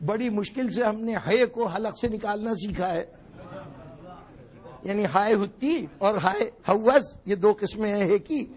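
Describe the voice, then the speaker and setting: A man with a strikingly high voice delivers a religious lecture to a gathering. He explains step by step and drives his points home with sharp rhetorical questions. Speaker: religious orator at a mourning gathering. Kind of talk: sermon-style lecture.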